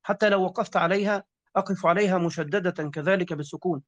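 A man's voice: sits high, quick pace, a bit bright, dry recording. A man with an Egyptian accent, a teacher patiently explaining grammar rules in a lesson. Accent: Egyptian Arabic. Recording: dull lo-fi sound.

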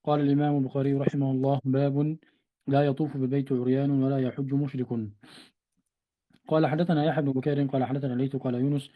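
Fast, flat-voiced man reciting classical text. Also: mid-range voice, phone-quality sound. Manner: fast, even recitation with occasional self-corrections. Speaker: student reading a hadith commentary aloud to a teacher.

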